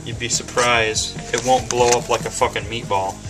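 A man's voice: mid-range voice, flat delivery, moderate pace, music in the background, poor audio. A man in his thirties talking casually to a webcam while cooking in his home kitchen, rambling with lots of ums and swearing freely. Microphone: webcam camera mic.

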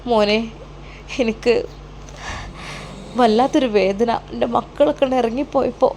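A woman playing an anxious older mother in a storybook tale, praying and pleading in a fretful, slightly high voice. Her colours every worried word. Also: measured pace, darkish tone, slight background noise.

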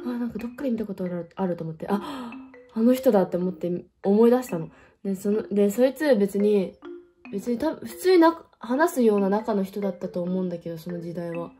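A young woman of about twenty in a relaxed solo vlog, chatting loosely to her viewers. She rambles from one thought to the next with plenty of fillers and teasing, self-mocking asides. Faint music plays under her voice. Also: medium pitch. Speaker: vlogger. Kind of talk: casual solo chat to camera.

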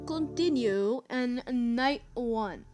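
A woman plays the scared horror game streamer, jumpy and excitable, with loud game audio behind her. Her high voice swings widely as she gives casual running commentary. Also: slow pace, over music. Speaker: gaming video creator.

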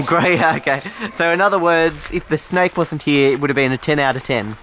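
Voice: medium pitch, moderate pace, some chatter behind. A family vlogger filming on a handheld camera, narrating casually and asking questions from behind it. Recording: loud background noise, outdoors and car.

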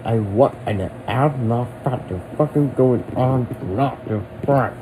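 A man in an angry, heated rant, yelling and swearing. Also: medium pitch, slow, background noise.

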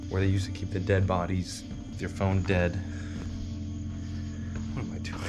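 A man in his twenties giving casual, low-key, musing vlog narration to camera while exploring. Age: 20s. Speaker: urban exploration vlogger. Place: abandoned derelict building and its grounds. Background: music.

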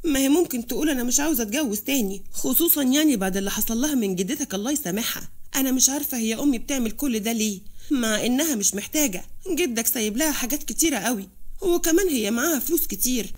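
A fretful middle-aged mother, anxious and complaining, as a woman storyteller puts her on. Quick, high talk in an audio story. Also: lively intonation, a little mellow.

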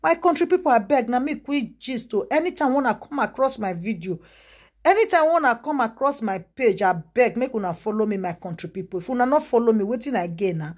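A female vlogger with a Nigerian Pidgin accent speaks directly to her viewers in casual gossip commentary, full of loud exclamations and repeated asides. Her voice sits a little high for a woman, and her delivery is brisk and expressive as she keeps calling back to her audience.

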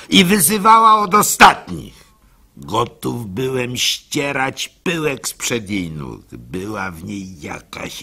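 In a radio drama, a man with a medium-pitched voice plays a gullible, lovestruck baker using a full character voice that is gravelly yet very bright and forceful. He tells his story hesitantly, like a confession, with a rueful, adoring mood.

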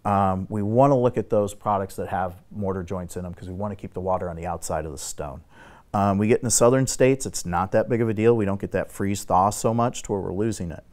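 Briskly and in a fairly low voice, a middle-aged guest specializing in building exteriors explains repairs on a studio talk show set. His instructive delivery is steady and technical, covering each point in turn.

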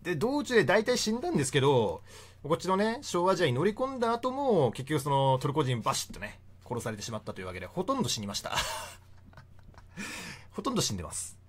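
A man's voice: fairly high pitch, very animated, fairly quick, breathy edge. A young man giving a casual, chatty history lecture and often laughing between points. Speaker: history explainer.

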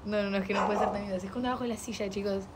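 A woman's voice: mid-range voice, fairly even intonation, rapid-fire. Young woman, Rioplatense accent, casual playful streamer, noisy mic with a dog barking behind. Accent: Rioplatense Spanish. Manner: chatty, playful, talks to her dog and chat. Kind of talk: casual live-stream chat. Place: home. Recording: noisy home stream audio.

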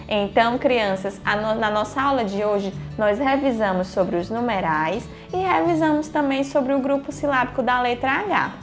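A woman teaching young children, speaking gently and encouragingly, asking questions and answering them herself. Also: a little high. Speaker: primary school teacher. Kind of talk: slow, sing-song lesson for young children.

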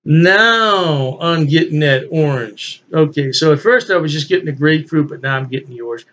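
An older man reviews a beer at his home desk in a casual, folksy solo video, chuckling to himself now and then. His voice is on the high side and a bit bright, with lively intonation at a moderate pace. A desk webcam in his home office, decorated with beer memorabilia, gives lo-fi sound.

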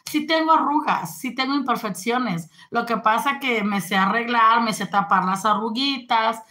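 Bright-voiced chatty woman in her forties. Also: a little high, moderate pace. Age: 40s. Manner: chatty, greets viewers, reads out comments. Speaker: live-stream host. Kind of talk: casual live-stream chat.

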